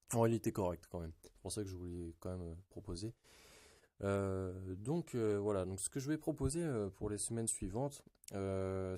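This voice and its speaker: Male gaming vlogger, low mellow voice, loose rambling delivery. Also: dry recording. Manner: rambling, many fillers and restarts. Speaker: gaming YouTuber. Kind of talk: casual gaming commentary.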